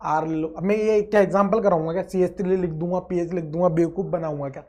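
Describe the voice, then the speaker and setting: A man teaching a chemistry lecture with energy and playfulness. He stretches out words, chants repeated phrases, and swings between loud outbursts and quiet asides. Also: sits high, steady tone, fast talker. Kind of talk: online exam-prep lecture.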